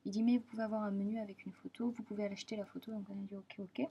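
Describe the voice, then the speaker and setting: A woman's voice: mid-range voice, level tone, very fast, husky, highs cut off. A young woman from France chatting casually in a travel vlog, gushing and repeating herself, often trailing off mid-sentence. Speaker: vlogger.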